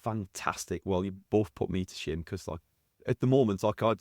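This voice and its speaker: A man hosts a podcast in a fairly deep voice, with a Mackem accent smoothed into something posher. The sound is close and dry, and his interviewing style is casual. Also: darkish tone, no room sound. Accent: Sunderland (Mackem), softened and posh. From North East England. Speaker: podcast host.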